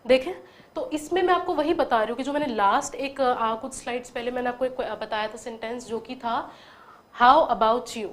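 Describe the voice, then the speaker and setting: Woman teaching spoken English. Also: sits high. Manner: explains patiently, models English phrases slowly with clear intonation. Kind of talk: online spoken-English lesson.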